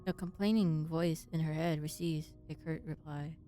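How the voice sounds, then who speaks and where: A woman's voice: low voice, fairly even intonation, moderate pace, dark tone, faint music behind. A woman streaming a game, reading its text aloud and reacting casually.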